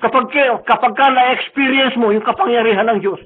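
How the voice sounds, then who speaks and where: Male preacher, fervent sermon delivery, husky high voice, tinny phone-like stream sound. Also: a little fast. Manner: earnest, fervent preaching with frequent restarts.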